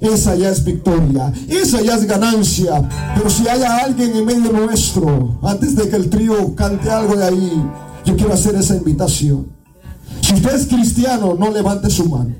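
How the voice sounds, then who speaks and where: A man from Guatemala with a Guatemalan Spanish accent preaching an evangelical sermon, swinging into shouted, half-sung climaxes and returning again and again to "amado hermano". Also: high-pitched, lively intonation, moderate pace, distant mic, soft background music, low-quality recording. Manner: repeats "amado hermano" as a refrain.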